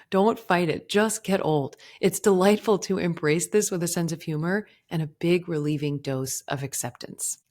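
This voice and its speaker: A woman in her forties, a podcast host, sharing a gentle, earnest personal reflection. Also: on the low side. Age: 40s. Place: indoors.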